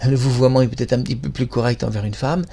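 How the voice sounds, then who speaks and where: A man's voice: medium pitch, fairly even intonation, fast, vocal fry, warm tone, a little hiss or hum. A man hosting his own channel, talking in a casual monologue that is effusive, rambling and self-praising. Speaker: channel host.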